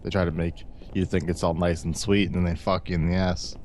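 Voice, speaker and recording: A man's voice: sits low, little pitch movement, fairly quick, a little mellow. A young man in casual gaming banter as co-commentator, slangy, profane and teasing, with game ambience behind him. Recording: background noise under voice.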